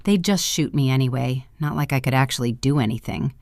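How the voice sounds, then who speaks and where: A woman voicing a sarcastic young woman working a bored fast-food shift, in a flat monotone, in a storybook reading. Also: rumbling low, no room sound, clean studio sound. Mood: wry. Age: young adult.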